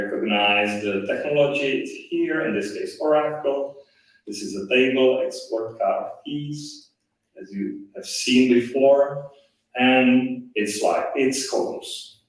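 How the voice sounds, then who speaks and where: Guy presenting slow and halting, played over a speaker and re-recorded, far off and boomy. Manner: halting, with frequent restarts. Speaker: conference presenter. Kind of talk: technical presentation. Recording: echoey, distant speaker re-recording.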